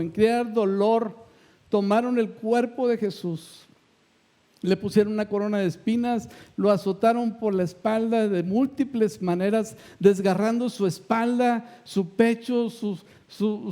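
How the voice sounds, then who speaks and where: A man's voice: sits high, mellow. A male pastor preaching a sermon with emphatic, repeated phrases.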